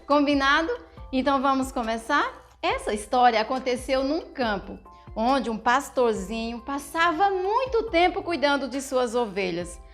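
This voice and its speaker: High-voiced woman telling children's stories. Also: expressive, normal speed, faint music behind. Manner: speaks to children with frequent questions; gentle, teaching tone. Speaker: children's storyteller.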